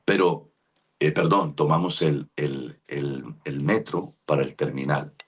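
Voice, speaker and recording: A man's voice: a bass voice, measured pace, slightly rough. A middle-aged Colombian pastor with a Colombian accent, preaching a sermon as he tells a personal story, acting out the voices he quotes and calling listeners by name. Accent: Colombian Spanish.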